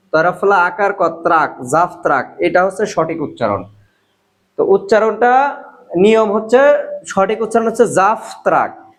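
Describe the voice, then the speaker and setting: High-voiced man teaching a language lesson. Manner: repeats key phrases slowly, asks and answers own questions. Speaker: online Russian language tutor.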